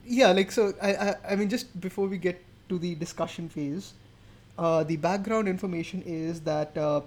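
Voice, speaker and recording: A man's voice: high-pitched, moderate pace, darkish tone. A man co-hosting a casual tech podcast, moving topics along and chuckling as he jokes. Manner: moves topics along, joking, chuckles mid-sentence. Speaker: podcast co-host.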